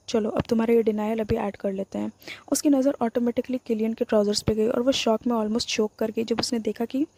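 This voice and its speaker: A woman's voice: on the high side, creaky, dark tone, breathy edge. A woman retelling a novel aloud, reading the narration along with the characters' dialogue.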